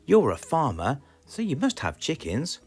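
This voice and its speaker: A man's voice: medium pitch, huge pitch swings, unhurried, a little mellow, breathy edge, soft background music, pitched above the performer's own voice, exaggerated voice. A British man voicing a very strong, modest and cheerful man in a children's storybook.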